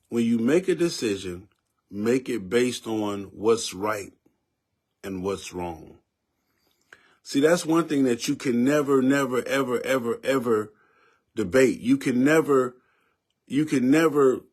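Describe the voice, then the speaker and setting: A man in his fifties with a Southern US accent, giving his opinion in a casual, preachy way and repeating words for emphasis. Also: mid-range voice. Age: 50s. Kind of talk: casual spoken commentary.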